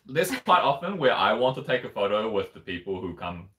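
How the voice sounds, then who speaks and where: Chill guy with a really low voice hanging out on a livestream, lots of "like". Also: big pitch swings, brisk, a bit bright. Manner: laid-back, repeats words, says "like" a lot. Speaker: livestream co-host. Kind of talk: casual livestream chat.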